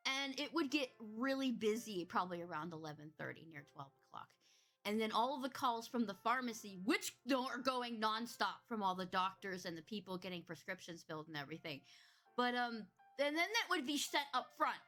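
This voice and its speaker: High bright woman, giggly. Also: fairly quick, soft background music. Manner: giggly, lively storytelling. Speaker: podcast co-host, former pharmacy worker. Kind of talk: casual chat.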